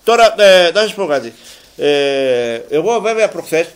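A man hosting a local TV sports show, talking casually to viewers. He rambles, repeats himself and gets loud and worked up when he rants. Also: a little high, very animated. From Greece. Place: local TV studio.

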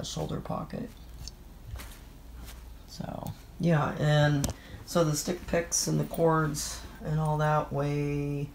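Sniffling with a bad cold, a middle-aged woman chats casually through a gear vlog in a room at home, her voice nasal and stuffy. It's low, creaky, and darkish, with slight background noise.

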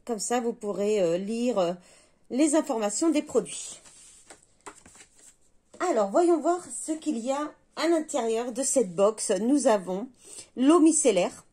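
A woman's voice: a little high, animated, takes it slowly, warm tone, slightly rough. A woman reviewing a beauty box, talking hesitantly and reading product labels aloud.

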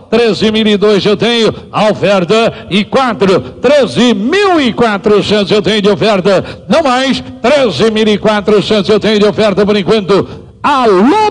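A Brazilian man calls a live auction in a high-pitched voice. His bid calling is a rapid, repetitive auctioneer's chant. The sound rings with the long reverb of a hall.

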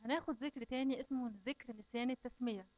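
A woman with an Egyptian accent teaching children Quran recitation, chanting verses slowly and then explaining them plainly. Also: fairly high pitch, fairly even intonation, a little mellow, highs cut off. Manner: slow, drawn-out recitation alternating with clear explanation.

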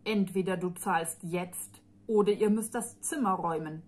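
A woman voicing a businesslike male innkeeper who is curt, unrelenting and smug, in a slow, breathy reading. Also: mid-range voice.

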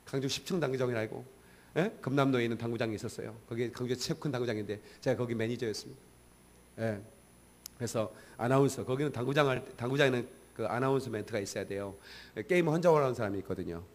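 A man's voice: medium pitch, fast talker. A male pastor giving a sermon in a church service, preaching in a conversational way and often prompting the congregation.

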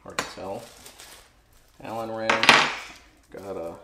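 A woodworking channel host in his forties speaks in a lowish, fairly even voice with vocal fry, taking his time. He's casually reviewing tools in his home garage workshop, thinking aloud with lots of fillers. His camera mic picks up an echoey garage and loud background noise.

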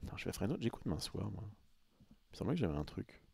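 A man's voice: low-pitched, big pitch swings, fast talker, creaky, warm tone, husky, dry recording. A man chatting casually on a live stream, rambling with many fillers and restarts and answering his chat.

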